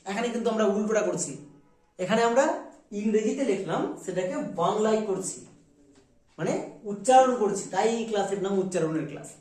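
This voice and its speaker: A man with a high voice teaches English pronunciation in a classroom. He drills his students by asking the same questions over and over. He is recorded from some distance in a very echoey room. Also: expressive, brisk, darkish tone. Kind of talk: classroom lesson.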